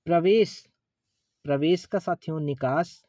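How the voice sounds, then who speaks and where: A male teacher slowly reciting pairs of opposite words for an exam class, repeating each one deliberately and calling his students friends. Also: on the high side, dark tone, no room sound. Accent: Hindi. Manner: slow, deliberate drilling of word lists, addressing students as friends.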